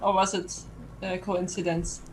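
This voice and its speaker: A woman's voice: on the low side, level tone, unhurried, slight background noise, rough recording. A woman playing a tabletop game, speaking thoughtfully and searching for her words. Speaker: player. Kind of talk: casual in-character chat.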